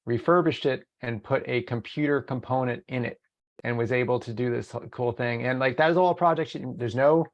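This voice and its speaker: A man's voice: medium pitch, a little fast, muffled recording. A man with a Southern California accent, a college prep counselor giving a casual, chatty talk to parents, full of fillers and little stories. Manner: chatty, storytelling, many fillers and restarts. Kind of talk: casual open-house presentation.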